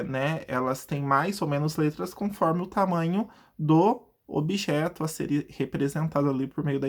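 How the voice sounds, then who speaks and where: Brazilian male teacher for an online lesson, slightly husky and breathy, chatty, asks himself questions and answers them, drags out words syllable by syllable. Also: on the high side, a bit bright. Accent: Brazilian Portuguese. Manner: stretches out words syllable by syllable to demonstrate.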